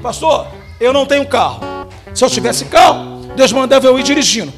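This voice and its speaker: A man voicing a humble, zealous young believer who speaks in an earnest, quiet way. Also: very high-pitched, lively intonation, fairly quick, soft background music.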